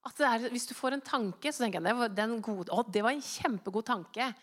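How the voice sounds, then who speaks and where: Middle-aged woman preacher, chatty and animated storyteller, slightly high voice. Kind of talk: devotional talk with a personal story.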